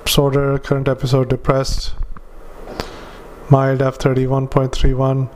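Male clinician dictating to a recorder; very flat, halting, mid-pitched. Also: noisy background. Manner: halting, with many filler sounds and restarts. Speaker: clinician dictating a patient report. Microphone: handheld dictaphone.

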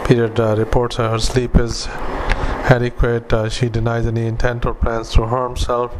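A man working as a clinician dictates a medical note in halting fragments, speaking punctuation aloud. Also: medium pitch. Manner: halting, flat, monotone delivery in short fragments. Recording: clearly noisy recording with background ambience.

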